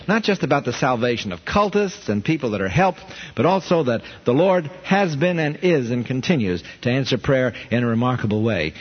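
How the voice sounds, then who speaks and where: With a medium pitch and breathy edge, a man from Brooklyn, New York, who leads a ministry, answers listeners' questions earnestly in a chatty Bible study. The broadcast audio is dull and full of reverb.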